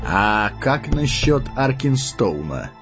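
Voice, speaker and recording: A man reading an audiobook voices a grave, measured man negotiating calmly. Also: mid-range voice, muffled recording, soft background music, pitched above the performer's own voice, exaggerated voice. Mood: reasoning. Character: calm grave male envoy, negotiating.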